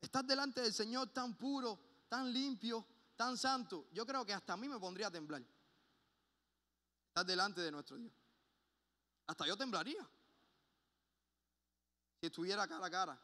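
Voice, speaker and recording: A man preaching a sermon in a church, passionate and emphatic, at times dropping to a quiet personal tone. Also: sits high, normal speed, pauses often. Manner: impassioned, swings between loud emphasis and hushed personal asides. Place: church sanctuary. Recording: long hall reverb.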